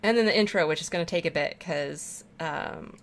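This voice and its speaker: Talking at normal speed in a low-leaning voice, a woman games on stream and keeps up loose, rambling chatter full of swearing and frequent laughter.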